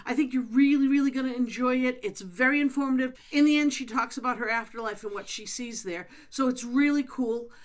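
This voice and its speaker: A woman's voice: sits high, fairly quick, hardly any pauses. A woman hosting paranormal videos, speaking informally and addressing her listener directly. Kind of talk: casual video introduction and spirit questioning.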